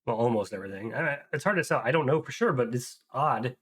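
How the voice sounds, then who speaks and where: A man's voice: medium pitch, lively intonation, quick pace, slightly rough. A young adult man reacting to a clip in casual commentary, thinking aloud with frequent hesitations and restarts. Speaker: video reaction host.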